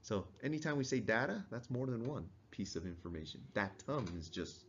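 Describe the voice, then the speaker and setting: A man's voice: mid-range voice, big pitch swings, brisk, fairly bright tone, a little hiss or hum. A male instructor giving a casual classroom lecture, quizzing students and chuckling now and then. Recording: dull lo-fi recording.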